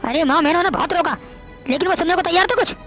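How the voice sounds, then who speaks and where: A woman's voice: extremely high pitch, very fast, fairly bright tone, faint music behind. A woman playing a young man from a poor family in a family drama, pleading with his in-laws. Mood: angry. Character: young man, poor brother, touchy but meek. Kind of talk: Hindi family drama acting.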